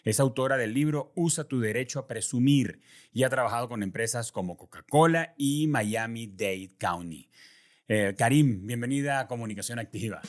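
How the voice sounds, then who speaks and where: A man's voice: medium pitch, moderate pace. A man hosting a podcast interview, introducing his guest in a polished, courteous way. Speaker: podcast host.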